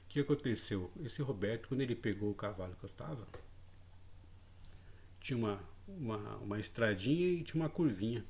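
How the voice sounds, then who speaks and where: A man's voice: on the low side, animated, a little fast, creaky, darkish tone. A man telling a personal story in a casual spoken way, hesitant, repeating words and often adding tag questions. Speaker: channel host.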